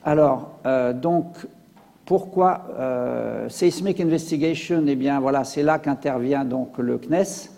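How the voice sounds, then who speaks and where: A man's voice: medium pitch, takes it slowly, vocal fry, mellow, big-room sound. A man giving a public science lecture with slides, hesitant, with many fillers and restarts.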